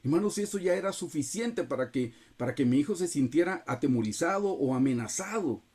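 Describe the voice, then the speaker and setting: A man's voice: on the high side, expressive, fairly quick, a little mellow, breathy edge. A man with a Guatemalan accent preaching a Bible study over a video call, earnestly addressing the listeners as brothers while sharing a personal testimony. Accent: Guatemalan Spanish. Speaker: pastor leading a Bible study.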